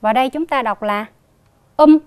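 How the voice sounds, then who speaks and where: A female primary school teacher with a Southern Vietnamese accent, leading a slow reading lesson for young children and spelling out sounds with emphatic repetition. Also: a little high, clear, resonant tone, dry recording. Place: recorded for a TV lesson.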